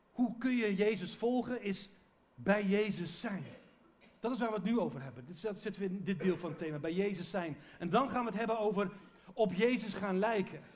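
Preacher, male, higher-pitched, earnest conversational sermon with restarts. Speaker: pastor.

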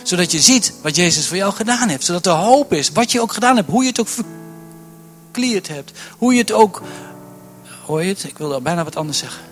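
A man preaching a sermon from a church stage, impassioned and building to near shouting, often repeating words as he starts a sentence. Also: high-pitched, animated, quick pace, soft background music. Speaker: pastor.

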